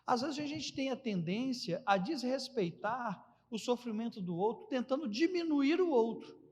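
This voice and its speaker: Male pastor, folksy animated preacher, unusually high voice, reverberant church. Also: moderate pace, slightly rough. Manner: folksy, animated storytelling with acted-out quotes. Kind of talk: sermon.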